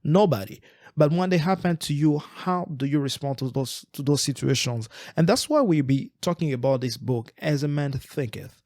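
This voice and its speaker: This podcast co-host, a man in his forties from Eastern Congo, reflects earnestly in casual talk, often repeating himself and restarting. He speaks at normal speed in a fairly high, somewhat mellow voice. The recording is dry and of studio quality.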